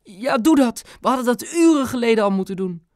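A man's voice: extremely high pitch, expressive, a little fast, no room sound, clean studio sound, pitched above the performer's own voice. A man voicing a middle-aged mother who is loving and distraught, speaking in a tearful, pleading way.

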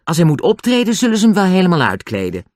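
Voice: mid-range voice, wildly swooping pitch, fast talker, darkish tone, no echo, clean studio sound, voice pushed up. A reader voicing a sensible older boy who lays out plans in a matter-of-fact way. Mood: calm.

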